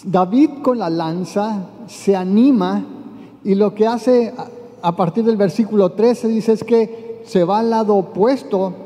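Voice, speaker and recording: Male preacher, high and mellow voice, sermon delivery, long hall reverb. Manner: retells scripture, voicing quotes with rising emphasis.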